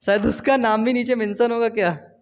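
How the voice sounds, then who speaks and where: A man's voice: very high-pitched, steady tone, a little fast. A young man teaching biology in a loose, chatty way, drifting into personal stories and checking in with tag questions. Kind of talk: informal Hindi class lecture. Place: home studio.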